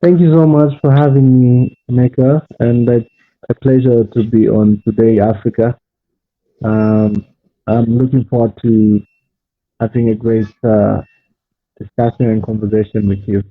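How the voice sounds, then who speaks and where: A man's voice: mid-range voice, level tone, a little slow, no echo. A man in his twenties from Zambia, a guest entrepreneur in a casual interview, talking unhurriedly with frequent fillers and restarts. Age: 20s. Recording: tinny phone-like call line, dry.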